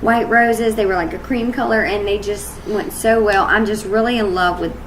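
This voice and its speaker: A woman's voice: mid-range voice, steady tone, normal speed, a little hiss or hum, rough recording. A woman chatting casually in a couple's vlog, rambling and laughing often. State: hiccups. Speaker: vlog co-host.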